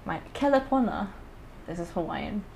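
A woman's voice: on the low side, lively intonation, moderate pace, vocal fry, crowd noise. A woman co-hosting a podcast in casual chat, teasing and laughing often. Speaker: podcast co-host. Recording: noticeable background noise.

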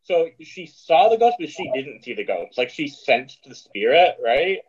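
Muffled, underwater-sounding male co-host, husky. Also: on the high side, sing-song, measured pace. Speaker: podcast co-host. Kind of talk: casual book discussion. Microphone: headset.

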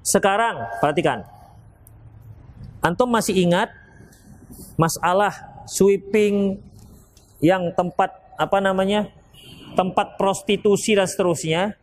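A man from Indonesia teaching an Islamic study session and answering audience questions, lively and playful as he acts out short exchanges. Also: high-pitched. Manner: lively, mimics people in quick asides, laughs along. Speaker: ustadz giving a religious study session.

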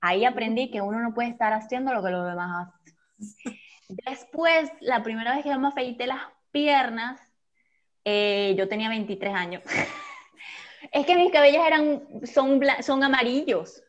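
Chatty Venezuelan woman, frank and lively. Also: fairly high pitch, a little slow. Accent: Venezuelan Spanish. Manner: frank, chatty, laughing asides. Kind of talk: casual chat. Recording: dull lo-fi recording.

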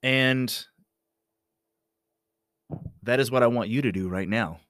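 A man recording in a small closet studio, speaking an unscripted, meditative motivational monologue in a reflective, halting way, repeating phrases for emphasis. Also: mid-range voice, a bit bright, dry recording. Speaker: host of a self-help podcast.

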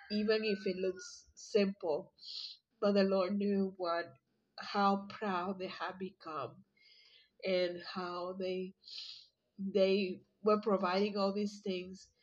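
A woman giving an informal Bible study talk, reading verses aloud and explaining them, often pausing and correcting herself. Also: mid-range voice, lo-fi sound. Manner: hesitant, searching for words, self-correcting. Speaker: Bible teacher.

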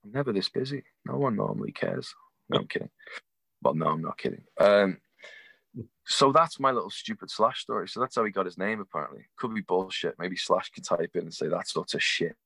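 A man's voice: low-pitched, animated, a little fast, creaky, fairly bright tone, no echo. Chatty man on a video call. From England. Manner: chatty, swearing, storytelling. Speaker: show promoter on a video call. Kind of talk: casual chat.

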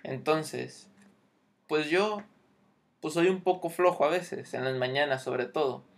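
A man's voice: fairly high pitch, takes it slowly, creaky. A man teaching English grammar, explaining patiently and checking in often.

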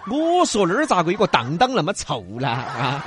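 A man's voice: high-pitched, huge pitch swings, a little fast, a bit bright, slight background noise. A man, around his thirties, speaking Sichuan dialect as a comedy co-host, bantering with a teasing, mock-scolding manner.

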